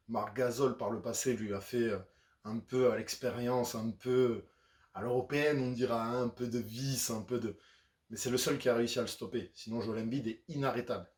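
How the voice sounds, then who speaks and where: A man's voice: mid-range voice, a little mellow, reverberant. A man giving a casual, chatty breakdown of basketball, talking in a loose conversational way with frequent fillers. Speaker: basketball YouTuber. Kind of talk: casual sports analysis.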